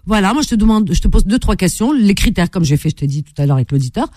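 A woman's voice: mid-range voice, animated, quick pace, a little mellow, no echo, clean studio sound. A woman hosting a call-in radio show, chatting with callers in a playful, affectionate, teasing way.

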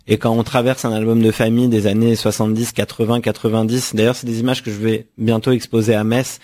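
A man's voice: on the low side, little pitch movement, fast talker, a little mellow. A young man from France, an author answering radio interview questions in a thoughtful way, often restarting and repeating words. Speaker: author guest.

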